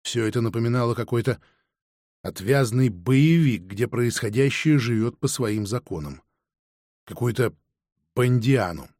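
Man reading an audiobook, steady first-person storytelling, mid pitch, dry close mic. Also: a little slow, dry recording. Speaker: narrator. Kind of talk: audiobook narration.

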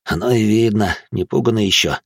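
A man's voice: on the low side, a little fast, no room sound, clean studio sound. A man reading an audiobook, voicing a gloomy, tipsy middle-aged male beat cop who grumbles in a world-weary way. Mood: grumbling.

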